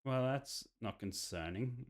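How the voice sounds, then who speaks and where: A man of medium pitch takes his time as he plays through a video game. He reads the visual novel dialogue aloud and offers casual commentary, reacting and musing along the way.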